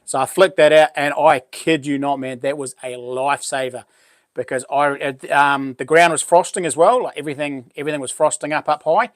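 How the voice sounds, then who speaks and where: Matey Kiwi bloke with a broad accent. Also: male voice, fairly high pitch, steady tone, a little fast, no room sound, clean studio sound. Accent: broad New Zealand. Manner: matey, informal, slangy. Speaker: livestream host. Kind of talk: casual live chat with viewers.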